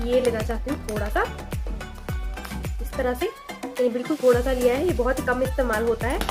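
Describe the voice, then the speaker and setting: A young woman explaining her makeup routine step by step in a casual vlog voice. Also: on the high side. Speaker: beauty vlogger. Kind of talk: makeup tutorial talk.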